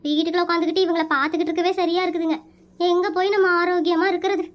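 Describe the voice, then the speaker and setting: Speaking very fast in a very high, level voice, a woman plays a put-upon middle-aged village housewife with a Kongu Tamil accent in a comic cartoon. She sounds plaintive and complaining, and the audio is dull.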